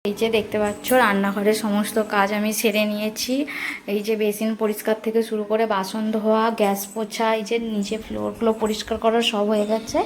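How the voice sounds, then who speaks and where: A woman talks quickly and chattily to her viewers, walking them through her cooking. Her voice stays fairly flat in pitch, and a clear hiss of noise plus the sizzle and clatter of a home kitchen sits behind her. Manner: chatty, addresses viewers directly, frequent fillers. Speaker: home vlogger. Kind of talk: casual vlog narration while cooking.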